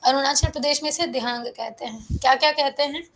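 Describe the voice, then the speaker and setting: High-voiced teacher, unwell and tired. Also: female voice, a little fast, a bit bright, poor audio. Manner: explains step by step, asks and answers her own questions; often checks in with the class. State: feeling unwell, low on energy. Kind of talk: online geography class. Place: online live class. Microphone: close microphone.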